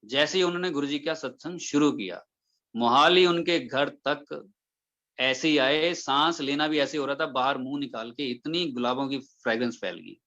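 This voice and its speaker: A man's voice: mid-range voice, normal speed, muffled recording. A man, telling a devotional story at a satsang and acting out the dialogue as he goes. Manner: lively retelling full of quoted dialogue. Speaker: devotee sharing an experience.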